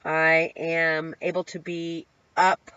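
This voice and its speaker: A woman's voice: deep voice, flat delivery, slow, pushed and bright, clear, resonant tone, no echo. Candid middle-aged woman, muffled lo-fi audio. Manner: candid and heartfelt, rambling with many ums and restarts. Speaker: vlogger sharing her recovery. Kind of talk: personal video diary.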